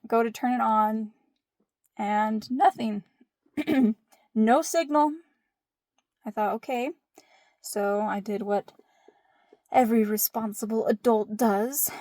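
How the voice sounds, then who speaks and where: A woman's voice: a little high, no echo, clean studio sound. A woman in her thirties telling a family story in a playful, mock-dramatic way, dropping into whispered asides. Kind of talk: casual storytelling.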